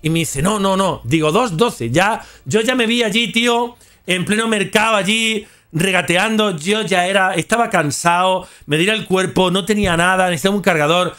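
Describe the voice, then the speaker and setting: A man's voice: sits high, normal speed, sharp tone. A man, telling a rambling, slangy anecdote to his viewers. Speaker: content creator. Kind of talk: casual storytelling to camera.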